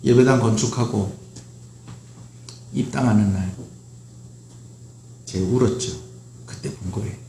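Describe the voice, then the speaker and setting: A man's voice: lowish voice, measured pace, long pauses, mellow, a little hiss or hum. A middle-aged man preaching a sermon as pastor, asking the congregation questions and answering them himself. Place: church sanctuary. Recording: roomy church echo.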